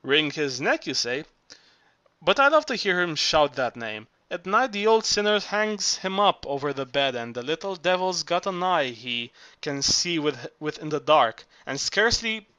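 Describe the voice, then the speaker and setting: A man's voice: on the high side, bright, forceful tone, dry recording. A man reading the part of an earthy, exuberant old Greek workman who talks in an expansive, lusty way. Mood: rollicking.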